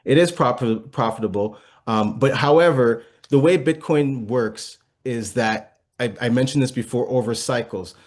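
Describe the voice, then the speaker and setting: The voice is a man's, mid-range with a darkish tone, belonging to an interview guest who speaks on investing. He is patient in explaining, though he uses lots of fillers and restarts and asks whether his points make sense.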